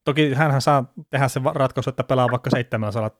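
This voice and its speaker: A man's voice: medium pitch, no echo, studio quality. A man hosting a casual sports podcast, chatty and rambling, laughing now and then. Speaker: podcast host.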